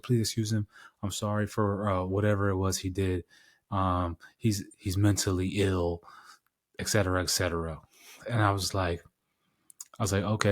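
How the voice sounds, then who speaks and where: A married man hosting his podcast, telling a story in a casual, rambling way with repeated phrases and casual swearing. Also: sits low. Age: adult, married with daughters. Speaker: podcast host.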